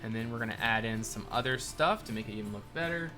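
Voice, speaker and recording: A man's voice: mid-range voice, fast talker. A man hosting a live stream, casually chatting while he builds and answering viewer questions as they come in. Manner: thanks followers and answers viewer questions in a relaxed ramble. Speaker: livestream host building in a game. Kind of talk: casual live commentary reading chat. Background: faint game soundtrack music.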